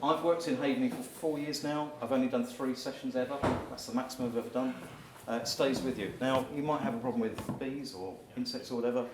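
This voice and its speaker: A man giving a short live talk, walking the audience through exercises and calling out loudly at times. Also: medium pitch, fast talker, hardly any pauses. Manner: energetic, instructing the crowd, rising to loud calls. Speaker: speaker at a live talk event. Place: event venue with a live audience. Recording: echoey hall, far from the mic, crowd noise.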